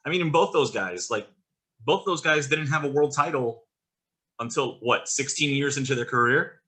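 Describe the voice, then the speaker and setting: A man's voice: medium pitch, normal speed, pushed and bright. A man co-hosting a podcast in casual chat, giving blunt and exasperated opinions. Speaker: podcast co-host. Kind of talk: casual chat about wrestling.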